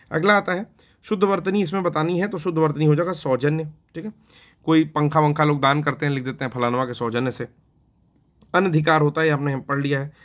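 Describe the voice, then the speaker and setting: A man's voice: on the high side, a bit bright. A man teaching an exam-prep lesson on spelling, talking casually and often checking in with "theek hai na" while he works through the questions. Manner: talks to himself while writing on a board.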